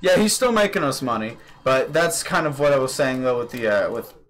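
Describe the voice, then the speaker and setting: Chatting casually on a voice call through his computer mic, this young podcast host rambles along with plenty of fillers and casual cursing. His medium-pitched voice is animated and brisk, with a fairly bright tone.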